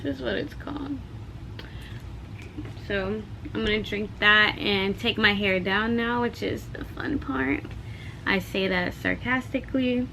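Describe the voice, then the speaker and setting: Slow-talking chatty woman vlogger. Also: mid-range voice, bright, forceful tone, slight background noise, poor audio. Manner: chatty, asides to viewers, self-teasing. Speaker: hair care vlogger. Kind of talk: casual vlog chat.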